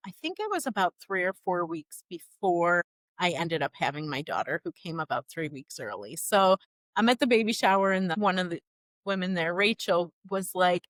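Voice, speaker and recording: A woman guest on a podcast, telling a personal story in a chatty, animated way, full of "like" and "you know". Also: fairly low pitch, normal speed, no room sound. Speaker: podcast guest, doula business founder.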